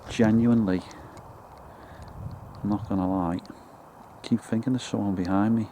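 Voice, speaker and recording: Liverpool man, paranormal investigator, low voice, hushed and uneasy, night woods, camera mic, faint noise. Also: steady tone, normal speed. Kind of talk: calling out to spirits, talking to camera. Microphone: handheld camera.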